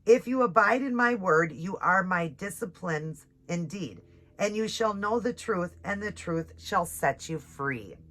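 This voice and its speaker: A nail and devotional vlogger talks casually to her viewers, her low voice stuffy as she recovers from a cold, yet expressive and fairly bright. She's chatty, apologizes often, and reads scripture and devotional lines slowly. She's filmed close up with a ring light setup.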